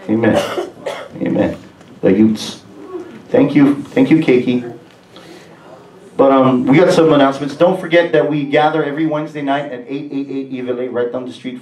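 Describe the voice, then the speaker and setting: Middle-aged pastor, Hawaiian Pidgin lilt, chatty and upbeat, roomy theater sound, heard from a distance. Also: male voice, medium pitch, a little mellow, dull audio. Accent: Hawaiian Pidgin-tinged English. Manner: upbeat, chatty, laughing asides. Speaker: pastor and worship leader. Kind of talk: church announcements. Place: stage of a large movie theater used as a church. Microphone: handheld mic on a stand, far camera.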